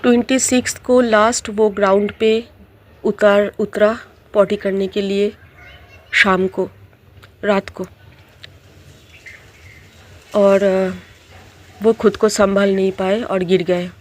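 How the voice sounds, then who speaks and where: A middle-aged woman telling a personal story in a halting way, restarting often and mixing in English words. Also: medium pitch, little pitch movement, darkish tone. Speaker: tarot reader.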